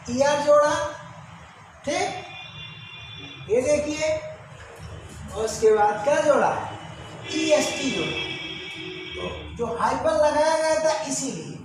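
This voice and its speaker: A woman teaching an English grammar lesson, drilling pronunciation with repeated quiz questions to her students. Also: sits high. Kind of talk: classroom-style grammar lesson. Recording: very echoey room, faint background noise.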